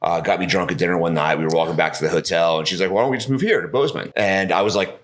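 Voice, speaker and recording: A man talking as a podcast guest, articulate and animated as he tells stories. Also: low-pitched, very fast. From born in Georgia, grew up mostly in England. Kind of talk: conversational interview.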